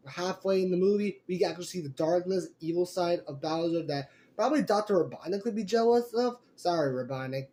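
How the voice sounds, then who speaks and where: High-voiced young man rambling casually. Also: darkish tone. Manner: rambling, many fillers and restarts. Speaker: movie reviewer. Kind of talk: casual spoken review.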